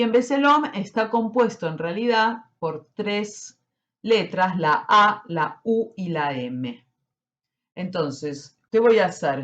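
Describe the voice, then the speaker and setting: Woman, spiritual teacher; very slow and deliberate, keeps checking in, muffled lo-fi sound. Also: medium pitch. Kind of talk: slow explanatory teaching talk.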